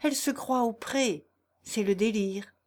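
A woman voicing a calm, grave male country doctor who speaks in a cool, matter-of-fact way. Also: on the high side, unhurried. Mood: explaining.

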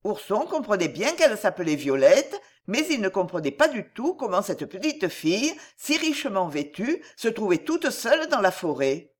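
A woman reading a classic children's storybook aloud in a measured, expressive storytelling manner. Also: mid-range voice.

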